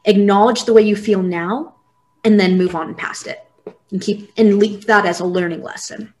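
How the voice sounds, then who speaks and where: A woman's voice: mid-range voice, steady tone, moderate pace, a little mellow, slight background noise. Young woman guest on a podcast, open and earnest, chatty. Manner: open, earnest, laughs easily. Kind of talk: casual interview.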